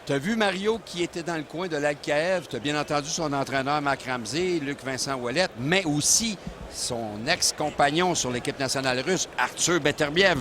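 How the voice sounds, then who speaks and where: Quebecois male boxing commentator over loud noise. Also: a little high, moderate pace. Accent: Quebec French. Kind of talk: conversational live commentary. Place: ringside in an indoor arena. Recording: very loud arena background noise.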